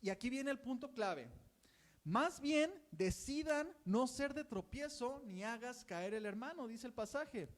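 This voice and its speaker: A man's voice: extremely high pitch, lively intonation, unhurried. A man with a Mexican Spanish accent preaching a conversational sermon and acting out the voices of gossiping churchgoers.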